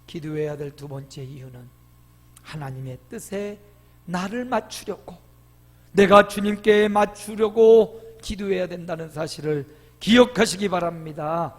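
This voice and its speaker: A middle-aged man preaching a sermon as pastor, emphatic, with loud swells and lively quoted voices, recorded in a church sanctuary. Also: high-pitched, measured pace. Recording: long hall reverb.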